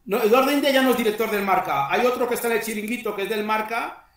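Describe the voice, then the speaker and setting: A man's voice: sits high, quick pace, a bit bright. A middle-aged man hosting an online panel discussion over a video call from a small tiled room, talking conversationally and groping for names. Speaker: host. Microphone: headset on a video call. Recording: echoey room, far from the mic.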